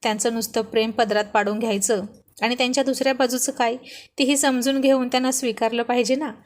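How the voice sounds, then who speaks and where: A woman's voice: fairly high pitch, fairly even intonation, quick pace. A woman narrating a serialized romantic story, chatty and commenting to her listeners.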